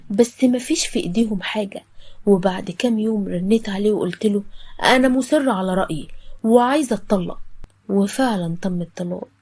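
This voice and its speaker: A woman's voice: medium pitch, dark tone, husky. A woman with an Egyptian accent narrating a first-person story in a dramatic, emotional way. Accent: Egyptian Arabic.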